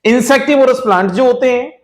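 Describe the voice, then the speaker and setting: High-voiced male teacher quizzing his class. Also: a little fast. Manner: asks the class rhetorical questions and repeats key points; addresses students as children. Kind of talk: classroom lecture.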